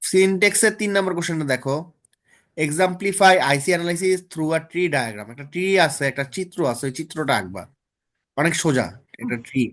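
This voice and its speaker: A man's voice: a little high, lively intonation, normal speed, a bit bright. Casual man tutoring exam topics. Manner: casual, checks in often with students. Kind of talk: online exam-prep lesson.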